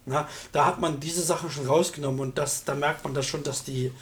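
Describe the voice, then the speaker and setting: A man with a somewhat high-pitched voice talks through technical matters in a casual chat. He is colloquial and often ends a remark with a short questioning tag. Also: steady tone, brisk, slight background noise. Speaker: discussion participant demonstrating software.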